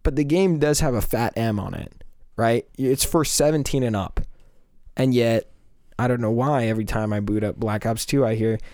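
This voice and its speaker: Still getting his voice back after losing it, this young podcast co-host argues his point casually, leaning on lots of fillers. He speaks at a moderate pace in a mid-range, darkish voice, recorded cleanly in a studio without echo.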